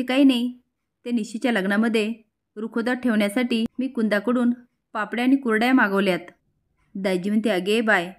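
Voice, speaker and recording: A woman retelling a TV serial episode, speaking the characters' quoted lines with emphasis. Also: fairly high pitch. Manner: narrates briskly, voicing each character's lines with rising emphasis.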